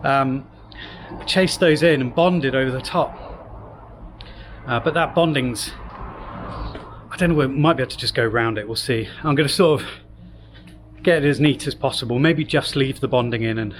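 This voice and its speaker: A man chats through his house renovation, thinking aloud and wandering from point to point. His voice sits at a middling pitch, easygoing and unpolished. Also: moderate pace, a little hiss or hum. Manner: relaxed, rambling, thinking aloud with fillers. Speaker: home renovation vlogger. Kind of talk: casual vlog commentary. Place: indoor house under renovation.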